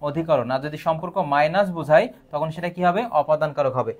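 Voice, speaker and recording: A man's voice: on the high side, quick pace, a little mellow, lo-fi sound. A man teaching a live online grammar lesson, asking questions and answering them himself.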